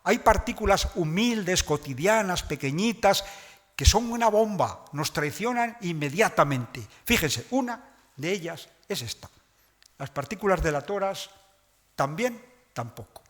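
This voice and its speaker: Give me a man lecturing an audience, slightly high-pitched, in a reverberant hall. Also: expressive, measured pace, a bit bright. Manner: didactic, addresses audience directly. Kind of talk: public lecture on language.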